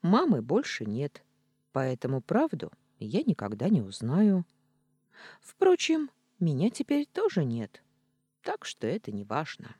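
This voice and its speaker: A sardonic young woman, quick with a dry comeback, as an audiobook reader puts her on. Her lines rise a little above the narration, slow and lively in pitch, in a warm, dry close recording. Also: husky, dry recording, exaggerated voice. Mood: wry. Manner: wry, snorting remarks. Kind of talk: audiobook reading.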